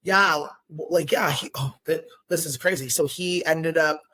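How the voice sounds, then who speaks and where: A woman comedian chatting on a podcast, telling stories with energy and acting out other people's lines. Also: unhurried. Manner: animated storytelling, acting out quotes in bursts of high pitch. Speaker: stand-up comic guest. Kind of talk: casual podcast chat.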